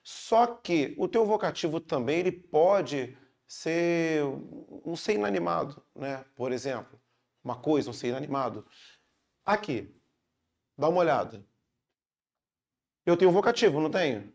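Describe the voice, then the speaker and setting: A man's voice: on the high side, expressive, unhurried, creaky, long pauses, darkish tone. Upbeat Brazilian man teaching grammar. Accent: Brazilian Portuguese. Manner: chatty, upbeat, checks in with "beleza?" after each point. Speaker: Portuguese teacher. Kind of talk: casual online lesson.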